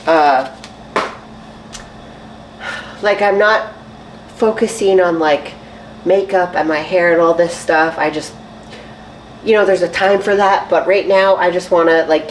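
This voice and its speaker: The audio is poor, with a little hiss or hum, as a woman fitness vlogger with a fairly low voice cooks and chats in her home kitchen. She sounds a touch stuffy and nasal after a cold, keeping things upbeat and filler-filled. Food fries faintly in the background.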